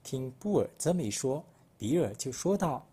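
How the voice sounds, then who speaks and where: A man from Malaysia narrating a children's picture book, expressive storytelling. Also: mid-range voice, normal speed, a little hiss or hum.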